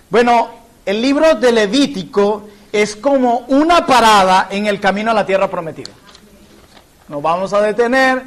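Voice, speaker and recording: A man's voice: high-pitched, a bit bright. A man from Colombia, a pastor, teaching a church Bible class in an earnest, explanatory way and illustrating points with personal stories.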